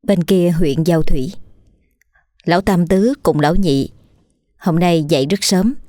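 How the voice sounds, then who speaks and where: A woman narrating a ghost story in a steady storytelling manner, voicing the characters. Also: lowish voice, unhurried, no echo, clean studio sound.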